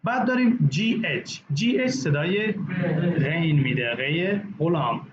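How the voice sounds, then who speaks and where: A male English teacher giving a classroom lesson, drilling words slowly and repeating each one several times. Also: a little high, lively intonation. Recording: echoey, dull, noisy classroom recording.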